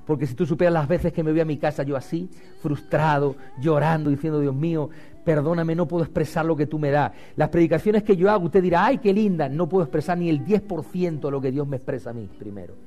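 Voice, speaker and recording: A man preaching a sermon as pastor, swinging loud and rising to low and quiet. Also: quick pace.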